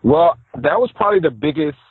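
A man's voice: on the high side, a little fast, breathy edge, no room sound, phone-quality sound. A man from New York City, a podcast guest, telling stories in a casual interview and acting out what others said. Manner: animated, acts out quotes of others. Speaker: podcast guest, style coach.

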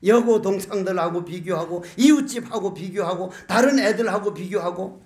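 A man's voice: high voice, moderate pace, darkish tone, echoey room. An older man giving a Buddhist dharma talk as a monk, folksy and joking, full of rhetorical questions. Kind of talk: sermon.

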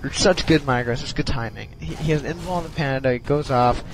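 A man's voice: medium pitch, quick pace, background noise. A man giving casual commentary on a strategy game replay, sounding sleepy and hesitant, with many ums and restarts. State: sleepy, yawning.

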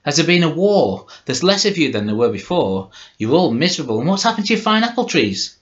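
A storyteller puts on a bold, brave knight and lord of the manor, his voice leaping up high and loud as he demands answers. It comes through a dull, lo-fi recording. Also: sing-song, brisk. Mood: astonished. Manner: astonished, rising loud questions.

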